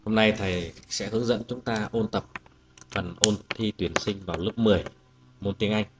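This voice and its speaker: A man's voice: lowish voice, steady tone, normal speed, noisy background. A male teacher walking students through an exam-prep lesson, patient and methodical, saying each example word twice before explaining it. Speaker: English teacher.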